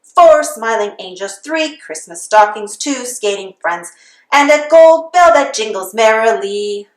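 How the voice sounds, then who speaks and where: With a clear echo from the room, a storybook reader with a high voice delivers a children's read-aloud styled like a Christmas carol. Her pace stays slow and steady, and her intonation is lively.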